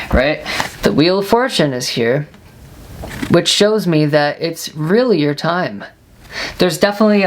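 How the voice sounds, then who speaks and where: A woman's voice: sits low, slight background noise. A woman fortune teller giving a casual, chatty tarot card reading, offering encouraging advice with little affirming mm-hmms.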